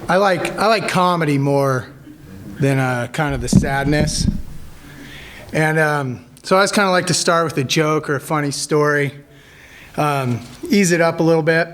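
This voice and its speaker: A man in his thirties, an army veteran, telling stories casually to a group, joking and halting with many fillers. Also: on the high side, a little hiss or hum. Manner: jokey, animated when acting out quotes.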